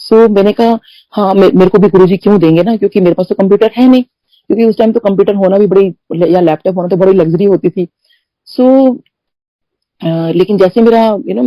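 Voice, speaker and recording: A middle-aged woman with a medium-pitched voice gives a chatty spoken testimony at a satsang, recounting personal experiences and often mixing in English phrases. The recording is lo-fi, with no sense of the room.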